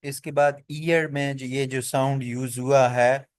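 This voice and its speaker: A man teaching pronunciation in a classroom-style explanation. He moves through each example deliberately and repeats every vowel sound several times. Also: mid-range voice, level tone, no room sound. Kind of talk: classroom explanation mixing Hindi and English.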